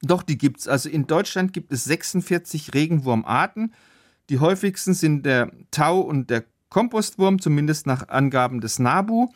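A man as the biologist guest, calmly explaining facts in a podcast chat. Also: a little high, moderate pace. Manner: patient, factual explainer.

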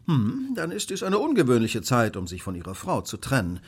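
In a German radio play, a male actor portrays a brilliant, smug Victorian detective, sounding analytical and assured with a precise, self-assured, lecturing manner. His mid-range voice has a breathy edge and huge pitch swings, and his heavily acted delivery runs fairly quick.

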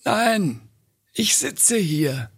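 A man playing a placid middle-aged husband in a recited comedy sketch, answering in calm, terse, stubbornly mild lines. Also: high voice, drawn-out words, gravelly, breathy edge, voice pushed up, full character voice. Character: placid middle-aged husband who just wants to sit.

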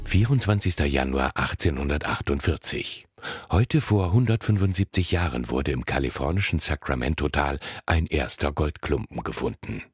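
Extremely deep male radio announcer. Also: expressive, normal speed, soft background music. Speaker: programme announcer. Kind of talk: scripted radio history announcement.

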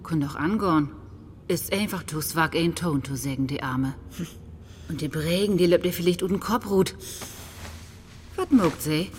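Brief: anxious neighbor woman, lowish voice. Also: a little slow, pauses often, a little mellow, slight background noise. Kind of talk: film drama acting.

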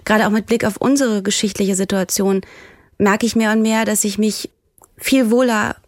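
A woman's voice: medium pitch, fairly even intonation, normal speed, no echo, clean studio sound. A woman journalist and presenter from Germany, speaking in an earnest, heartfelt way about something personal, searching for words with frequent fillers. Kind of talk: earnest discussion.

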